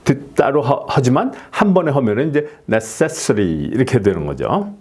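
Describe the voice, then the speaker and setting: A man teaching English pronunciation, filling pauses with "yes" and repeating each word slowly. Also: mid-range voice, huge pitch swings, a little mellow, slightly rough. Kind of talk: explaining lesson to camera.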